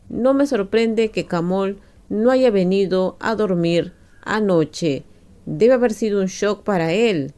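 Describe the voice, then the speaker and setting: A man's voice: sits high, a little mellow. A woman voicing Daniel, a mocking man who provokes with a laugh in his throat. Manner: taunting, chuckling.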